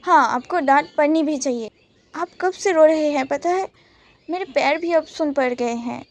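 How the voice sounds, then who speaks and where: A woman's voice: high voice, normal speed. A woman voicing a caring, playful young woman in a romance story, teasing and pleading by turns. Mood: protesting.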